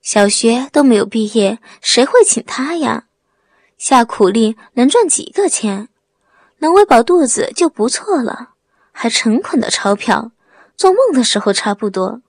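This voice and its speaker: A woman's voice: high voice, big pitch swings, unhurried, dry recording, clean studio sound, heavily acted. A woman voicing a domineering young bride who talks down with scorn and shrieks in anger. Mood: scornful.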